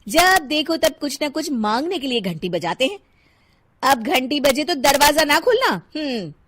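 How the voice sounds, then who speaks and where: A woman voicing a stingy, sharp-tongued young housewife in an animated cartoon, scolding and bossy. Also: high voice, a little slow, pitched above the performer's own voice, heavily acted.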